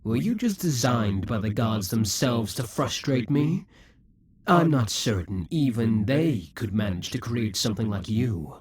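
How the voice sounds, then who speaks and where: In an audio roleplay, a man performs a theatrical monologue as a possessive, scheming demon king, addressing the listener directly. His mid-range, natural voice is expressive and unhurried, with an exasperated mood.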